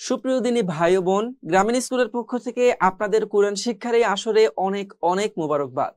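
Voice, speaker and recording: A man with a high, light voice teaches a beginners' Quran reading class. He speaks patiently and breaks each step down, and he keeps saying "look" as he guides listeners through the page. The sound is close and dry, with no room echo. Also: lively intonation, quick pace, a little mellow. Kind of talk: recorded beginner lesson.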